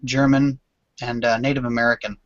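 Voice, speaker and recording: A man's voice: medium pitch, level tone, brisk, no room sound. A man chatting casually with friends, joking and hesitating with fillers. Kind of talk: casual group chat. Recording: dry dull lo-fi sound.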